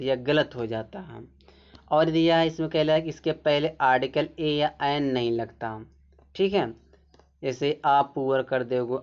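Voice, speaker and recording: A man teaching a grammar lesson with a smooth, resonant voice. He walks through each point slowly and asks himself questions before answering them. The recording sounds somewhat dull and lo-fi. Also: medium pitch. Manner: explains step by step, asking and answering his own questions. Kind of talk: explaining a grammar lesson in Hindi.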